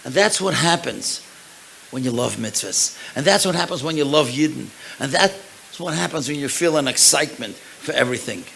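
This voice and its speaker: A man's voice: mid-range voice, normal speed, creaky, slight background noise, low-quality recording. A man, a rabbi and lecturer, telling stories in a lecture at a synagogue event and acting out the people in them. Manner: animated storyteller, acts out the people in his stories. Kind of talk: storytelling lecture.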